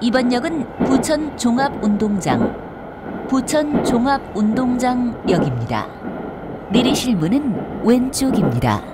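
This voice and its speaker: A woman's voice: a little high, very animated. Woman giving a subway train announcement. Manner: polite, measured, formal announcing. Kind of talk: recorded train station announcement. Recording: announcement under loud train noise.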